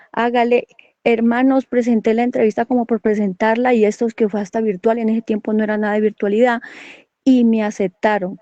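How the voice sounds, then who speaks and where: A woman's voice: on the high side, dark tone, no echo. Earnest woman preacher, lo-fi. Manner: earnest, addresses listeners as brothers. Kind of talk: testimony sermon. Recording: dull lo-fi recording.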